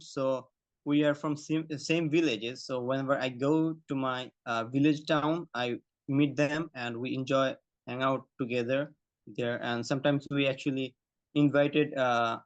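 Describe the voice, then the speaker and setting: A young Bangladeshi man with a fairly high voice and a Bangladeshi accent answers exam questions as a test candidate on a video call. He uses many fillers and restarts, and the call audio is slightly muffled, with no echo.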